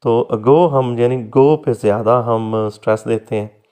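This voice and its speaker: A man teaching a recorded lecture, patiently explaining step by step, repeating example words slowly and fondly addressing his students as "beta". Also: mid-range voice, a little mellow.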